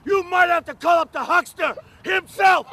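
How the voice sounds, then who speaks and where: A man delivering a wrestling promo with menacing, drawn-out threats in a gravelly voice. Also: very high voice, bright, forceful tone, raised voice. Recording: clear background noise.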